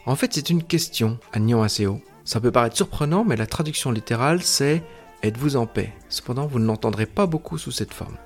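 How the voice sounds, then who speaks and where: A man explaining a language lesson with a lively, rising and falling voice. He is patient and methodical, slowing down to break each sound apart. Soft music plays faintly behind him. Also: medium pitch. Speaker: language teacher.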